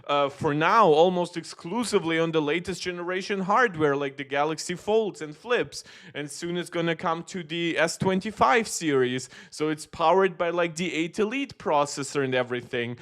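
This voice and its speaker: A young man from Moldova, Russian his first language, chats through tech news on a live stream. His voice sits a little high, and he corrects himself often and fills pauses with "like" and "uh" as he goes. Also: animated, a bit bright. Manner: rambling, self-correcting, frequent "like" and "uh". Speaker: tech YouTuber.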